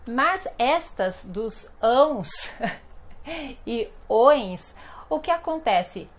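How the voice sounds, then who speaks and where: Chatty Brazilian woman teaching slowly. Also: high-pitched. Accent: Brazilian Portuguese. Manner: chatty and playful, drawing out example words slowly. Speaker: Portuguese teacher. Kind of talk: casual online language lesson.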